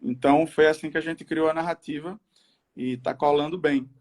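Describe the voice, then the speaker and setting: Casting: male Brazilian live-stream host, slightly high voice, gym-bro hype, slangy and casual. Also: fairly even intonation, normal speed, darkish tone.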